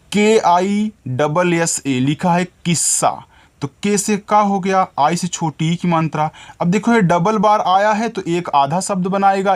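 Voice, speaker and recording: A male teacher giving a spelling lesson, sounding words out letter by letter and addressing his viewers as children. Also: on the high side.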